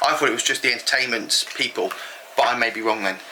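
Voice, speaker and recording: A man's voice: medium pitch, fast, noisy background. A British man co-hosting a vlog, chatting casually with frequent ums. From United Kingdom. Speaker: vlog co-host. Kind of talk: casual chat.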